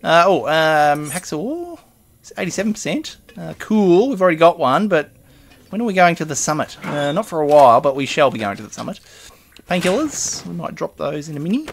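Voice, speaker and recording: A man's voice: fairly high pitch, very animated, fairly quick, gravelly, a little hiss or hum. A man giving casual, rambling commentary while playing a survival game, muttering item names and laughing to himself. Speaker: gaming video host.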